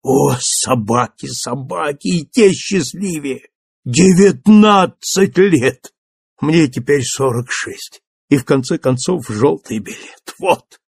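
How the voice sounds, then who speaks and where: A man's voice: fairly high pitch, animated, slow, creaky, darkish tone, breathy edge, no room sound, exaggerated voice. A man voicing a haggard forty-six-year-old ex-convict, speaking in agitated, rising outbursts in an audiobook reading. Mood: anguished.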